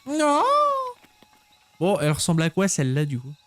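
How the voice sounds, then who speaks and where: Un homme qui commente sa partie de jeu vidéo de façon décontractée, joueuse et pleine d'exclamations. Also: male voice, fairly high pitch, racing, a little mellow, faint music behind. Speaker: video game streamer. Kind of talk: casual gameplay commentary.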